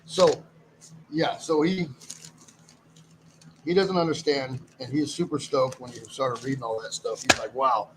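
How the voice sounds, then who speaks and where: A man's voice: medium pitch, fairly even intonation, a little slow, long pauses, a bit bright, slight background noise, rough recording. A man hosting a live stream, talking casually and rambling as he greets viewers and goes through items. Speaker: live stream host running a silver auction.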